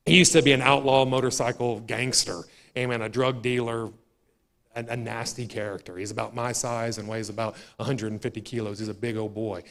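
A man preaching a sermon to his church, folksy and repetitive, calling out to the congregation and building to loud, emphatic climaxes. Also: medium pitch, fairly even intonation, fairly quick. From United States. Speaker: pastor. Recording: long hall reverb of a church.

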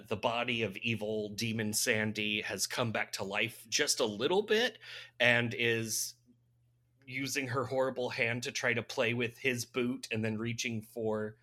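Bright-voiced amused man recapping a movie. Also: medium pitch. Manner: rambling, amused, laughs often. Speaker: podcast co-host recapping a movie. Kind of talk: casual chat.

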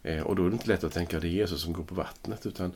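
A man, a priest hosting a podcast, reads scripture slowly and with measure, then muses thoughtfully in a casual Bible discussion. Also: deep voice, steady tone, a little mellow, breathy edge. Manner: slow, measured reading, then thoughtful musing.

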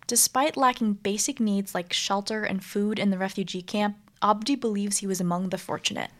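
A woman narrating a student news report in a clear, measured scripted delivery. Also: mid-range voice, steady tone.

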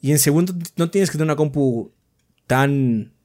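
Animated Mexican man chatting on a podcast. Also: on the high side, moderate pace. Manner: animated, swears freely, acts out quotes. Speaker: podcast co-host. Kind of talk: casual panel chat.

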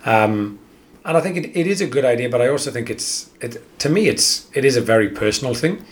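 A man's voice: mid-range voice, animated, a little fast. An Australian man co-hosting a podcast, chatting casually and rambling, often repeating words as he thinks. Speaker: podcast co-host. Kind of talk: casual chat.

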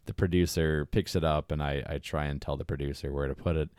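A man co-hosting a casual podcast, trading jokes with deadpan banter. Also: very deep voice, quick pace, clean tone, no echo, studio quality. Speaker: podcast co-host.

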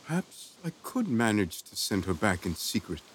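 A man's voice: on the low side, very animated, moderate pace, husky. An actor playing an anguished king torn over his daughter, in a declamatory, grief-stricken stage delivery for an audio drama. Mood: resigned.

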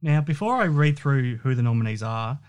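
An Australian man hosts a sports show in a casual interview style. His voice sits at a middling male pitch, and he chats as he puts questions to his guests. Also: lively intonation, a little fast, darkish tone, smooth. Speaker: host of a basketball show.

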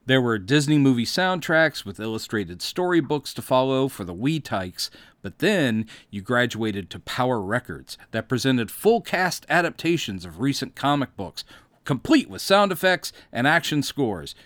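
Very animated at a normal speed, the medium-pitched, slightly bright voice belongs to a fifties-aged American podcast host from Mississippi. He tells scripted autobiographical stories with wry theatricality, recorded cleanly with no room sound.

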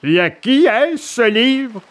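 A man's voice: extremely high pitch, very animated, takes it slowly, voice pushed up, exaggerated voice. A stern policeman questioning a child, clipped and military in tone, as a man reading the story puts him on. His voice sits slightly raised and firm. He is all business in this storybook scene. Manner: curt, military commands. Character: stern adult male gendarme.

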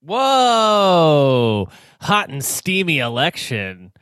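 Man, higher pitch, lively intonation, jokey casual podcast chat, dry sound. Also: normal speed, no echo. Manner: jokey, reactive. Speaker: podcast panelist.

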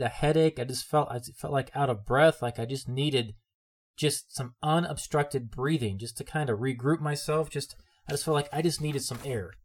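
Male preacher, mid-pitched, earnest sermon delivery with lots of repetition. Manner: earnest, repeats phrases for emphasis.

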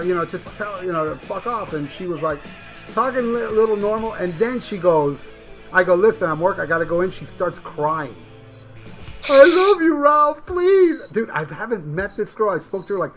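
A man from the United States with a high, slightly bright voice hosts a podcast over a headphone mic. His casual chat is crude and meandering, packed with swearing, laughter and rambling stories.

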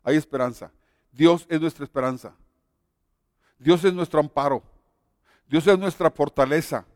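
High-voiced preacher. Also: male voice, moderate pace, darkish tone, no room sound, clean studio sound, in a large hall. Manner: earnest, exhorting. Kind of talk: sermon with personal testimony.

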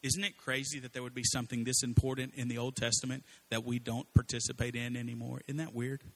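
A man's voice: medium pitch, level tone, fast. A man preaching a sermon, telling a story in a conversational way with frequent asides to the congregation. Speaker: pastor.

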